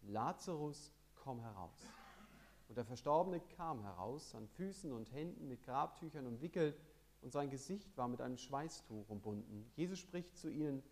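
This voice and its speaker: A man preaching a sermon with lively emphasis, reading scripture passages aloud. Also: mid-range voice, moderate pace.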